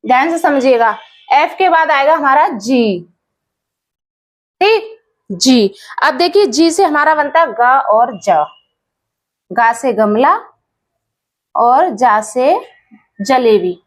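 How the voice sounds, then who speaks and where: A patient woman teacher, speaking in a high voice at an unhurried pace. She repeats each word and spells it out letter by letter. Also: lively intonation. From India. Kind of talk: English pronunciation lesson.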